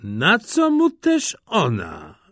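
A man voicing a greedy, envious rich peasant who talks gruffly and shouts his wares. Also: fairly high pitch, huge pitch swings, extremely slow, no echo, clean studio sound, full character voice. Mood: greedy hawking.

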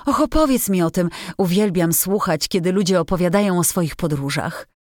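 A woman's voice: on the low side, expressive, normal speed, dry recording, studio quality, close to an everyday voice. A woman voicing a spirited, blunt teenage girl in a storybook reading, asking eager questions.

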